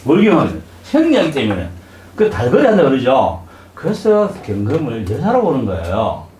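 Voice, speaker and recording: A man's voice: mid-range voice, wildly swooping pitch, normal speed, a little mellow, reverberant, a little hiss or hum. A middle-aged man, giving a live lecture to a class. He keeps putting questions to the class and acting out little voices. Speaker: saju lecturer. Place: lecture room with audience.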